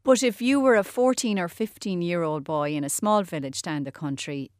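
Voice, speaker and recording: A woman's voice: lowish voice, moderate pace, a little mellow, no echo, clean studio sound. A middle-aged woman with an Irish accent, hosting a discussion in a conversational way. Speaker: host. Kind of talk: conversational interviewing.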